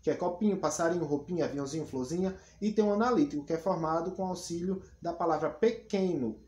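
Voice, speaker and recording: A man's voice: a little high, fast, darkish tone. A male teacher going through a grammar lesson, patient, repeating each point and spelling out examples. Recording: echoey room, faint background hum.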